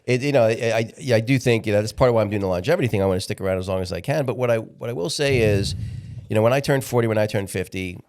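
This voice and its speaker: A man's voice: on the low side, a little mellow, slight background noise. A man of sixty, a podcast guest talking candidly in a casual interview, often restarting his sentences. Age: 60s. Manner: candid, halting, repeats words when restarting.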